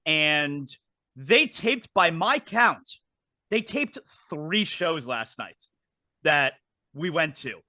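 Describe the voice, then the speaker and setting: A middle-aged podcast host runs a casual wrestling show in a high, bright voice with big pitch swings. He talks extremely slowly and chattily, repeating words whenever he restarts a thought. The recording is completely dry, with no room sound.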